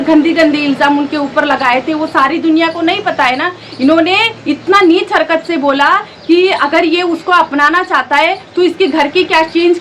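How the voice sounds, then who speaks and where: A woman's voice: sits high, a bit bright, slight background noise. A woman vlogger in her thirties from India, angrily and defiantly scolding her family straight to camera. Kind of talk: angry direct-to-camera vlog rant.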